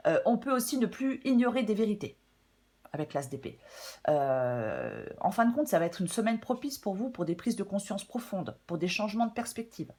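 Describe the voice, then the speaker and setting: A slightly hoarse woman giving a casual, chatty weekly tarot reading, with many fillers and some throat clearing. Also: medium pitch, sing-song, normal speed, dark tone. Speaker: tarot reader.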